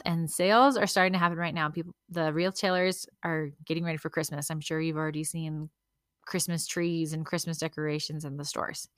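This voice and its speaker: Chatty low-voiced mom giving holiday tips. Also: female voice, fairly bright tone, dry recording, studio quality. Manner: chatty and practical, with small laughs. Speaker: podcast host. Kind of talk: casual solo podcast tips.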